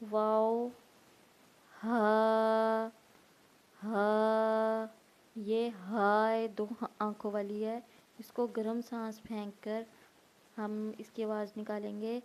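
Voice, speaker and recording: A woman teaching a Quran reading class, slowly sounding out letters one by one and explaining how to pronounce them. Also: on the high side. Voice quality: monotone, drawn-out teaching delivery. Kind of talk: slow tajweed lesson, drawn-out letter recitation.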